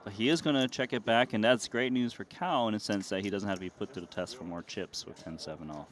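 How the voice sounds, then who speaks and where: A man's voice: fairly low pitch, fast talker. A man giving analytical live poker commentary in a conversational way.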